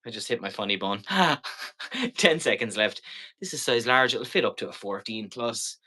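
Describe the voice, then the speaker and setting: A man's voice: fairly low pitch, fairly quick, sharp tone. A man hosting a live-stream shopping show, selling in a casual, chatty, rambling way with jokey asides.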